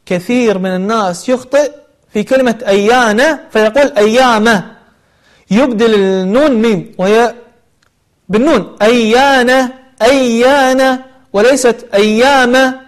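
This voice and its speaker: A man teaching a tajweed lesson, explaining recitation rules and then chanting verses slowly with long drawn-out vowels. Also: extremely high pitch.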